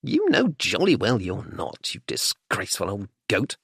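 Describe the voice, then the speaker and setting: A man voicing an exasperated young gentleman who speaks in a dry, mocking, clipped way. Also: lowish voice, wildly swooping pitch, a little slow, creaky, breathy edge, no room sound, full character voice. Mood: scolding. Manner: sardonic, clipped.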